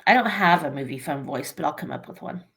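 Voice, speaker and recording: A woman's voice: sits low, expressive, fast talker, a bit bright, slight background noise. Joking, blunt woman co-hosting a movie chat. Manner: joking, blunt, swears casually. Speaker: podcast co-host.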